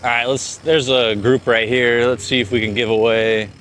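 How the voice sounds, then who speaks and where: A man's voice: mid-range voice, little pitch movement, normal speed, a bit bright, a little hiss or hum. A man chatting casually to camera as he rides a bike through city streets, laid-back and talkative. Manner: laid-back, chatty, says "dude" a lot. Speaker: vlogger. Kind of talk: casual vlog chatter while riding.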